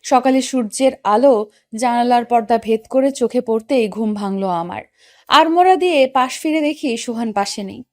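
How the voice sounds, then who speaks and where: Actress doing a young wife, earnest, questioning, high voice, dry close mic, storytelling. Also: female voice, moderate pace, no room sound, natural voice. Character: young wife, hurt and puzzled. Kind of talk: Bengali audio story narration and acting.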